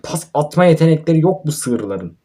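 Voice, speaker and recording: Young man, gameplay YouTuber, slightly high voice, fed up and grumbling at his players. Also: sing-song, normal speed, warm tone. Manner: exasperated, ranting and swearing at his own team. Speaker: mobile football gamer and YouTuber. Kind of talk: gameplay commentary.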